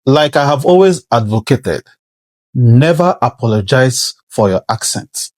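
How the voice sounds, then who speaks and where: A man with a heavy non-native English accent, giving earnest, measured workplace advice to camera. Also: medium pitch, animated, a little mellow, no echo. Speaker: career vlogger. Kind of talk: advisory talk to camera.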